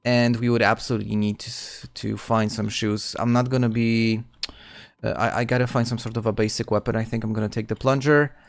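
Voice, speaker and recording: A man's voice: fairly low pitch, little pitch movement, a little fast, vocal fry, no room sound. A man casually commenting on his gameplay stream, chatting with viewers and often restarting words.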